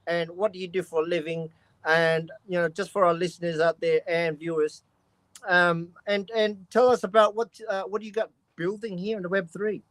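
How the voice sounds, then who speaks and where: 50s guy hosting a stream, highish voice, lots of uhs, dry close sound. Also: steady tone, normal speed, a bit bright, dry recording. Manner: filler-heavy, calls the guest "love". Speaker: livestream host. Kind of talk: casual interview hosting.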